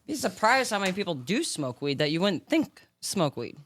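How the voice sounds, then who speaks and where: A man with a fairly high voice hosts a relaxed podcast chat. His pitch swings widely as he teases and jokes with his guests. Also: moderate pace. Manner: teasing, joking banter. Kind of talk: casual chat.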